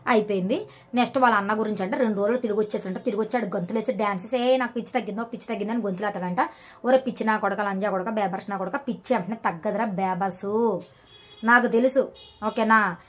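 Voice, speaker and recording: Woman vlogger, rapid sarcastic rant, scolding tone, mid pitch. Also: fairly bright tone. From Telugu-speaking India. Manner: scolding, abusive and sarcastic, repeats "okay?". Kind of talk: ranting reaction commentary.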